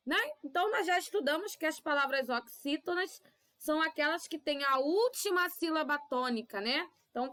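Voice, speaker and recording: Woman, Brazilian Portuguese accent, primary teacher, didactic, high voice. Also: sharp tone. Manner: didactic, drawn-out syllables, frequent "tá?" checks. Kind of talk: recorded remote class for children.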